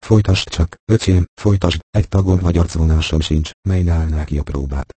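A man's voice: low voice, dark tone, husky, no room sound. A man voicing a fervent soldier home at last. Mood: eager, pleading. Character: impulsive returning soldier, adult man, emotional. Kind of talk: audiobook reading.

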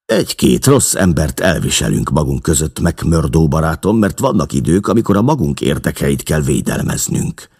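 Male reader doing a commanding gang boss, husky, swings his pitch a lot. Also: big pitch swings, hardly any pauses, a little mellow, heavily acted. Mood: sly. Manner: commanding, blustering. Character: boss of a gang lodge, gruff middle-aged man.

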